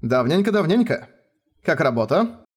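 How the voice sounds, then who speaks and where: A man playing a smooth, smiling young king. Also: a little high, big pitch swings, moderate pace. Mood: friendly. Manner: polite, unruffled, teasing. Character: calm, sly young male king, always smiling.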